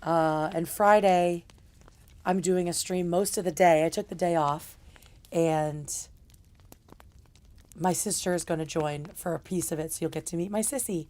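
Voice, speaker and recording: A woman's voice: fairly low pitch, fairly even intonation, unhurried, long pauses, darkish tone. A young adult woman hosting a livestream and chatting casually in a loose, rambling way. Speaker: livestream host.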